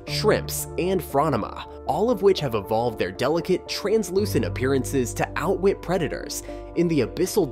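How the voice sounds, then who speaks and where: Nature documentary narrator: dramatic scripted voice-over with wide, animated pitch swings, set over music. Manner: dramatic, presentational delivery. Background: background music.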